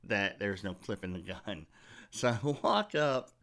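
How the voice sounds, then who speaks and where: A man's voice: fairly low pitch, big pitch swings, a little slow, vocal fry, fairly bright tone. A man hosting a comedy podcast, telling a rambling, profane story in a loose, casual way. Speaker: podcast host.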